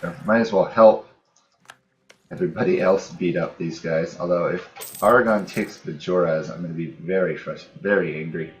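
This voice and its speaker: A deep-voiced man hosting a let's play series gives casual commentary on a strategy game at a moderate pace, thinking aloud and muttering short fragments to himself.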